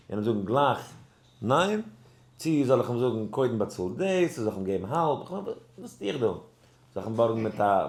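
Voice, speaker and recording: A rabbi giving a Torah class, telling a story and acting out its dialogue, halting with many restarts and mixing in English words. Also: male voice, reverberant. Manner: animated, acts out dialogue in the story with sudden high pitch jumps; mixes English words into Yiddish speech.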